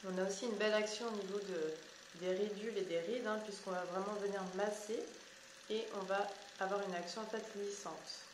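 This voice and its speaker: A woman's voice: mid-range voice, steady tone, a little fast, reverberant, noisy background. A woman giving a product demonstration tutorial and explaining each step directly to the viewer. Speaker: beauty product seller.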